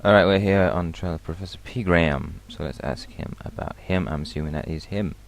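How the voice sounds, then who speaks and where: A man's voice: low-pitched, a little fast, creaky. A man giving casual, offhand commentary over a video game as he plays, joking about it. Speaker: let's play host.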